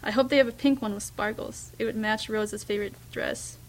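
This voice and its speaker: A woman reading a first-person story aloud, in a hushed, reflective way with small slips and restarts. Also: mid-range voice, fairly even intonation, a little fast, heavy background noise. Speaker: reader.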